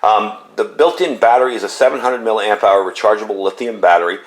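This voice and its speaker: A man with a lowish voice talks fast, demonstrating a gadget in a casual, plain-spoken, hands-on review. He explains things conversationally. The recording is noisy, full of radio static and background hiss.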